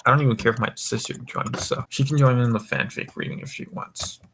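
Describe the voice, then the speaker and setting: A tipsy young man from the American Mountain Time zone hosts a casual group voice call, rambling, swearing and stumbling over his words. His mid-range voice holds a steady tone, moves a little fast and sounds fairly bright, with slight background noise.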